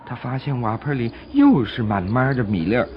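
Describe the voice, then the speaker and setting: A man's voice: mid-range voice, expressive, normal speed, slight background noise. A man narrating a scripted story for children, explaining things simply and expressively as if to small listeners. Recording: dull lo-fi recording with music behind.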